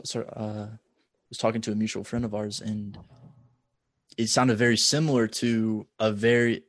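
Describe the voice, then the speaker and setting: A man in a casual conversation who talks in a relaxed, rambling way and uses "like" a lot. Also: fairly low pitch, no echo, clean studio sound. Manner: relaxed, rambling, lots of "like" fillers.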